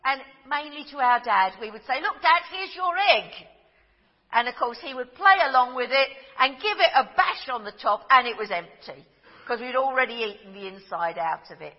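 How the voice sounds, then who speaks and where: A woman giving a gentle storytelling sermon. She tells simple stories and grows soft and slow at the tender moments. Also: fairly high pitch, animated. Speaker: preacher. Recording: dull sound with long hall reverb.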